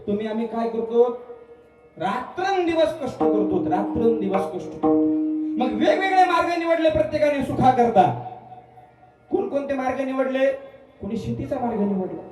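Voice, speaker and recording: A man's voice: extremely high pitch, animated, moderate pace, darkish tone. A man preaching a devotional kirtan sermon in a festival pandal, firing questions at the crowd and repeating phrases in a call-and-response cadence. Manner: fires questions at the crowd, urging answers. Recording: echoey PA from far off, with music.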